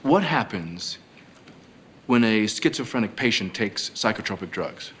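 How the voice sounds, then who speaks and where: An actor playing a hesitant, wry defense lawyer who questions haltingly in a TV courtroom drama. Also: male voice, lowish voice, lively intonation, fairly bright tone, slight background noise. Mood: probing. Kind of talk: television courtroom drama acting.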